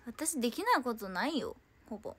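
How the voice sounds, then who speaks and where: Lively young woman chatting playfully. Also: on the high side, brisk, slightly rough. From Tokyo, Japan. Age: 20s. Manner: playful, chatty, answering viewer comments. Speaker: idol livestream host. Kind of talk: casual solo livestream chat.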